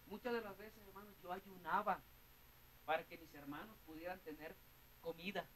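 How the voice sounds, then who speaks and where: High-voiced Mexican preacher, earnest. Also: male voice, fairly even intonation, normal speed, a bit bright, a little hiss or hum, low-quality recording. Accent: Mexican Spanish. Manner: earnest, repeats words, keeps addressing listeners as brother. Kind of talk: sermon with personal testimony.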